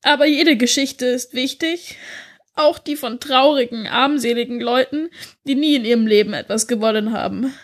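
A woman's voice: on the high side, normal speed, fairly bright tone, lightly acted. A woman voicing a tearful, earnest teenage schoolgirl who speaks in a pleading way.

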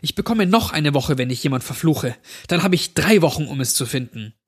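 A man's voice: expressive, fairly quick, husky. A man voicing a mischievous, defiant teenage girl in a told story, in a raised, girlish voice. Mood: determined. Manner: higher, girlish put-on voice. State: crying.

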